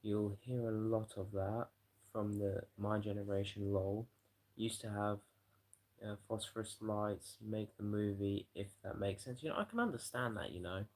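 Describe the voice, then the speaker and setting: A man's voice: lowish voice, normal speed, rough recording. A tired man rambling and swearing through a late-night live stream chat, yawning as he talks. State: exhausted. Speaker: livestreamer.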